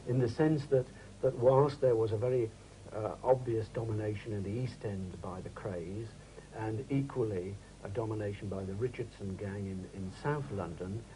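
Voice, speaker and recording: A man in an interview explaining the city's gangs in a measured, deliberate way. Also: mid-range voice. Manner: measured and deliberate, with small hesitations. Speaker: interviewee speaking about the gangs. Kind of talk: interview answers. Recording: noisy background.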